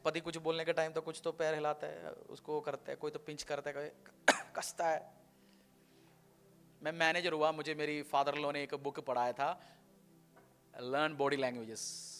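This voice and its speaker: A man preaching a sermon as pastor, animated and emphatic, acting out everyday quotes and mixing in English phrases. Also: on the high side, clear, resonant tone. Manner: acts out quoted everyday speech.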